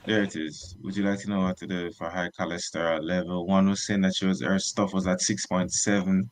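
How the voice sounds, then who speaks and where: A man hosting a talk show, reading out viewer comments in a relaxed, conversational way. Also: low voice, a little fast. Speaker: host.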